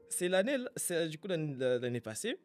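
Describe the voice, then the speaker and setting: A man from Congo speaks in a casual conversation about faith, reflective and halting as he searches for his words. His voice is a little high.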